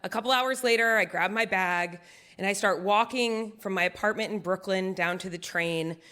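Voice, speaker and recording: A woman telling a personal story on stage in an animated, self-deprecating, conversational way. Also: mid-range voice. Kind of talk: live first-person storytelling.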